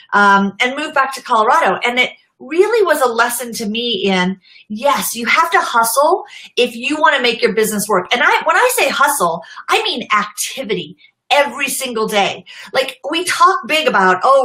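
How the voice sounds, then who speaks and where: A woman's voice: a little high, bright, forceful tone, low-quality recording. A middle-aged woman casually chatting on a live stream, laughing often and greeting viewers by name. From United States. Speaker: social media marketing host.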